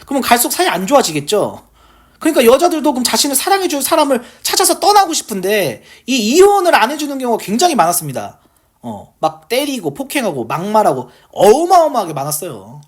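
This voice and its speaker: A woman teaching from the Bible in a relaxed, chatty way. Her voice is slightly husky and breathy, and her pitch swings widely as she drives home each point. She keeps firing rhetorical questions at the listener. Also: fast talker. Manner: emphatic, full of rhetorical questions. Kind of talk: casual Bible teaching on camera.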